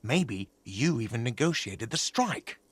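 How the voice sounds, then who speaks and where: An actor playing an irritated, dismissive hostel manager in a video game, speaking sarcastically. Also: male voice, mid-range voice, big pitch swings, a little slow, husky, no room sound.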